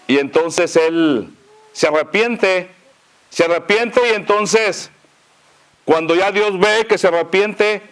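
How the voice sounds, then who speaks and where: A pastor with a northern Mexican accent telling a story in a sermon, folksy and chuckling, with many fillers. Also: male voice, sits high, takes it slowly, fairly bright tone, clean tone.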